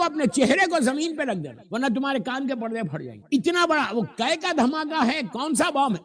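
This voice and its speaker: High-pitched impassioned Pakistani Urdu preacher. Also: male voice. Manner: swings from loud exhortation to low murmurs, mixes English words. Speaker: Shia scholar preaching a majlis. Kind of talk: impassioned sermon.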